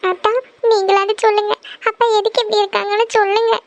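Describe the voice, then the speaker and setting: Woman doing a shrill, gravelly cartoon daughter, stubborn and pleading, level tone. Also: level tone, fast talker, background noise. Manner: insistent, tearful pleading. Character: devoted young woman, eldest daughter. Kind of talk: cartoon family serial voice acting.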